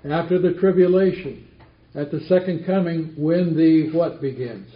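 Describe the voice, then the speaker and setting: A man's voice: fairly high pitch, normal speed. A man teaching a Bible study class, asking the group questions and repeating their answers back. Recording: roomy, dull lo-fi recording.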